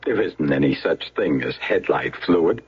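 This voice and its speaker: An actor playing a brisk, authoritative consumer-watchdog spokesman in a vintage radio ad. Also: very deep voice, expressive, husky, heavily acted. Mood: officious. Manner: brisk, authoritative announcer delivery. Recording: muffled old radio recording with noise.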